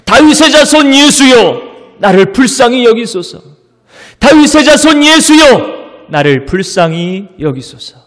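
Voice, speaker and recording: A pastor voicing a blind male beggar who cries out in a high, loud, pleading voice. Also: a little slow, lightly acted. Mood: desperate pleading. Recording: long church-hall reverb.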